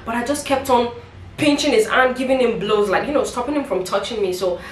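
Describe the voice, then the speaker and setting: A woman's voice: a little high, fairly quick, distant mic, a little hiss or hum. A young woman, telling her viewers a personal story in a casual, emotional vlog monologue with asides to the audience. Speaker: vlogger. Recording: roomy echo, mic set back.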